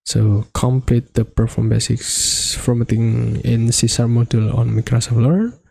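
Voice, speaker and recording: Hosting a screen-recorded coding walkthrough, this man from Indonesia speaks slowly in a gravelly, mellow voice of medium pitch. Indonesian is his native language, and his phrasing is hesitant and halting.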